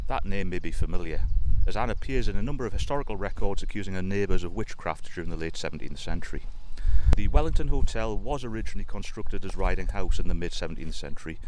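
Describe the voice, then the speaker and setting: A man with a very low voice talks through local ghost stories and history in a relaxed, informative way, wandering off on the odd tangent. He is recorded on a handheld dictaphone out in an open field, with faint outdoor ambience behind him. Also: fast, background noise. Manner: informative, chatty and prone to digressions. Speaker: podcast host.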